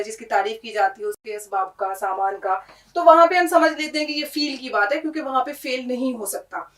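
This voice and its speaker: A woman's voice: on the high side, a bit bright. A woman teaching a letter-by-letter language lesson, patient, repeating and checking in with her students. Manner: patient, explains and repeats, asks "है ना?" often. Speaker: Urdu teacher. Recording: echoey room, mic at a distance.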